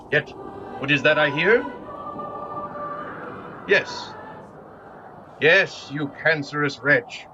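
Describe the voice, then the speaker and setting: A man's voice: a little high, pushed and bright, muffled recording, a little hiss or hum. A man playing a mocking, grandiloquent ghost in an audio play, declaiming his insults in a theatrical way. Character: scornful, theatrical male Ghost of Christmas Present.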